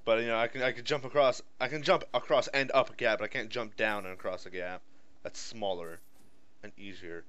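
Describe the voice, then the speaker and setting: Low-voiced sardonic male gamer. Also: steady tone, fairly quick, fairly bright tone. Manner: sardonic, complaining, sweary. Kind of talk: casual playthrough commentary. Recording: slightly dull lo-fi mic.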